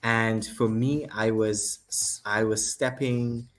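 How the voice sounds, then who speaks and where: A man's voice: lowish voice, steady tone, slow, a bit bright, soft background music. A man from Saint Kitts with a Kittitian accent, chatting casually as an interview guest in a jovial, repetitive way. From Saint Kitts and Nevis. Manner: jovial, laughs often, repeats short phrases. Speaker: guest, step dance group director.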